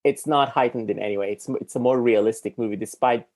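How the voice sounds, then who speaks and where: Male podcast host, gravelly voice, mid-range pitch; casual and hesitant, feeling his way through each point. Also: fast talker, darkish tone. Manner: hesitant, thinking aloud with many fillers. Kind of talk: casual film discussion.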